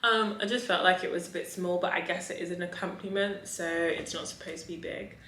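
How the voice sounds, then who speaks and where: A woman with a slightly low voice chats through a restaurant review in a casual vlog style. Her delivery is campy and theatrical, stretching and stressing key words. The recording is noticeably roomy and echoey. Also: steady tone, fairly quick, a bit bright, slight background noise. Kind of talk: casual, chatty video review.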